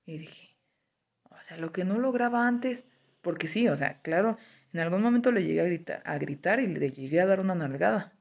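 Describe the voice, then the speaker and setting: A woman's voice: on the low side, lively intonation, normal speed, vocal fry, a little mellow, breathy edge. A woman, candidly talking about raising her daughter alone. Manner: candid, chatty, acts out quoted voices. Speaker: single mother sharing parenting experiences. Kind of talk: casual personal monologue.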